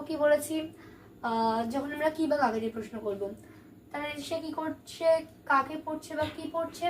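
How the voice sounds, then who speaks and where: A woman teaching a grammar lesson, patiently explaining and asking questions that she then answers herself. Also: high voice. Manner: patient, asks and answers her own questions. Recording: distant mic, faint room noise.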